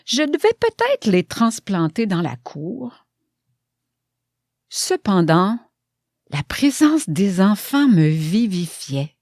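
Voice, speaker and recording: A woman with a Quebec French accent reading a short story aloud in a measured, expressive storytelling manner. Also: medium pitch, no echo, clean studio sound. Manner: slow, measured storytelling with lively inflection. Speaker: reader of short stories.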